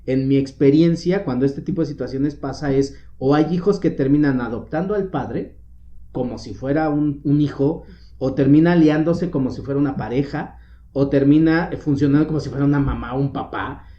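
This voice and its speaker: A man moderating a casual podcast chat, relaxed and joking as he asks guiding questions. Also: mid-range voice, moderate pace. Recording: roomy, dull lo-fi audio.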